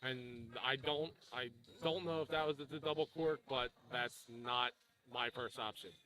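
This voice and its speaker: A man's voice: medium pitch, fairly even intonation, a little slow, bright, forceful tone, low-quality recording. A man doing casual, informal live darts commentary with some banter between calls.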